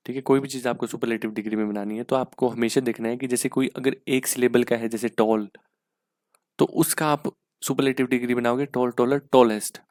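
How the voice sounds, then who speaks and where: A young man with an Indian accent, teaching English grammar and vocabulary for exam prep in a casual lesson, reading sentences out slowly word by word and checking in with repeated rhetorical questions. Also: mid-range voice, a little mellow, no room sound, clean studio sound.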